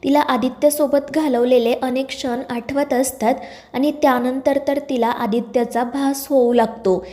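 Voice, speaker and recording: A woman reading a scripted recap of a TV serial episode in a steady storytelling manner. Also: sits high, measured pace. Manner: steady read-aloud storytelling. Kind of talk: scripted narration.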